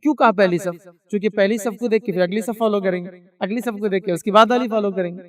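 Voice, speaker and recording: A man delivers a religious lecture in a high voice. He talks conversationally and explains his points with everyday examples. He sounds a little distant from the microphone. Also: crowd noise. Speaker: Islamic preacher.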